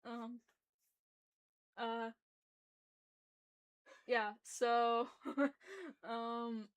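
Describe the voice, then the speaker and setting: Young woman, locked-jaw speech, slightly muffled articulation, higher pitch, smooth tone, hesitant apologetic livestream reader. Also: completely flat delivery, drawn-out words. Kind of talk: reading a story aloud, informal livestream chat.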